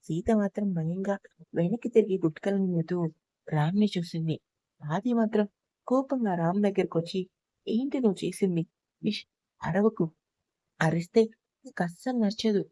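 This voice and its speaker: A woman's voice: mid-range voice, mellow, no room sound. A woman reading a dramatic love story as narrator, in a dull lo-fi recording.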